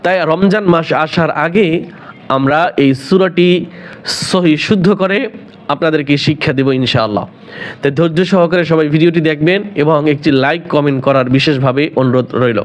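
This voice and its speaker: A man's voice: a little high, fairly quick. A man teaching Quran recitation in a tajweed lesson with a Bangladeshi Bengali accent, patiently breaking words into letters and repeating each phrase. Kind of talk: tajweed lesson, explaining then reciting slowly. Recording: slightly dull lo-fi audio.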